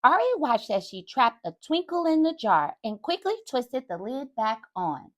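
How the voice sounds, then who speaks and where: A woman reading a picture book aloud to young children in an animated way, stopping to talk to her listeners. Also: on the high side, measured pace. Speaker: children's storyteller.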